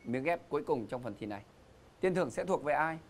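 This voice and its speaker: A man's voice: fairly high pitch, lively intonation, quick pace, a little hiss or hum. A middle-aged man hosting a game show, with joking, teasing banter and theatrical emphasis. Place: TV studio stage.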